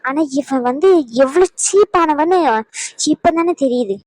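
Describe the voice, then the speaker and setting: A woman voicing a stern, angry elder sister in an animated drama, who lectures and scolds sharply. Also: sits high, measured pace, no echo, rough recording.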